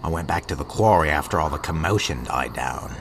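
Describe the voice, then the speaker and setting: A bullying, treasure-hungry sailor boat from a cartoon drama , acted by a man. The voice is very low and creaks with gravel. It is snappish and commanding, heard over clear background noise. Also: lively intonation, brisk, full character voice. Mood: gloating, scheming. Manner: domineering, snappish. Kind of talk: cartoon-style audio drama. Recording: noisy, with sound effects behind.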